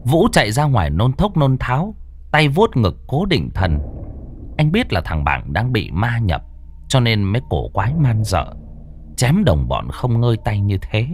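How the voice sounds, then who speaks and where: A man's voice: medium pitch, sing-song, measured pace, slight background noise. A man narrating a horror story with dramatic, varied delivery.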